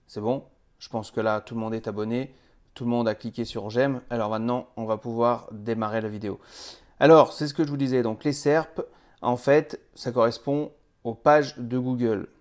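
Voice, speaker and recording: A man in his usual mid-range voice talks through a web tutorial as a trainer. He explains things step by step in a chatty way, often pausing on fillers. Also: medium pitch, darkish tone. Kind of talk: casual video tutorial.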